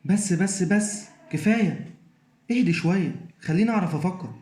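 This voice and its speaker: A man's voice: sits high, expressive, moderate pace. A man acting as an old, flustered Santa Claus in a children's play. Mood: exasperated. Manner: fussy, harried, hushing. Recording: echoey room.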